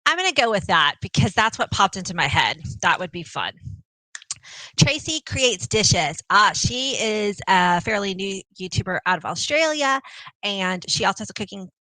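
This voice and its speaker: A woman's voice: mid-range voice, expressive, moderate pace, bright, forceful tone, no echo, rough recording. A woman from Texas with a Texan accent, hosting a live question-and-answer chat with viewers of her cooking channel in a bubbly, chatty way, often laughing. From Texas, USA. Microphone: small clip-on mic.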